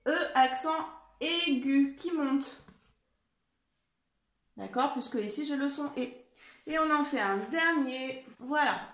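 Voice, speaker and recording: Patient teacher lady, a bit high voice, echoey room, keeps asking the kids if they follow. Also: fairly bright tone. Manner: patient, encouraging, checks in with frequent "d'accord?". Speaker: primary school teacher. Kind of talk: home-schooling spelling lesson for young children. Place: room at home.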